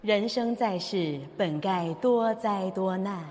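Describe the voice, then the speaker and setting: A woman playing an imperious bodhisattva goddess as a comic navigation voice, pompous and drawn-out. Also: mid-range voice, big-room sound, noisy background, close to an everyday voice. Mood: solemn, amused. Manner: pompous, slow, drawn-out delivery. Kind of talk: comedy sketch stage acting.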